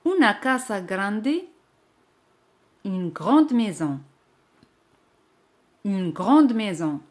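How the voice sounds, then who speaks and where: A woman teaching French vocabulary in a slow lesson, repeating each word clearly. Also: medium pitch, big pitch swings.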